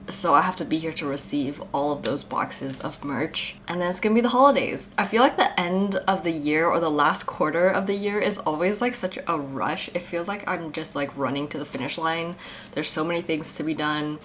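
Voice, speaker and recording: A young woman in her twenties chatting casually in a vlog voice-over, still husky with her morning voice, upbeat and full of fillers. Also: deep voice, fairly bright tone, a little hiss or hum. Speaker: vlogger and small shop owner.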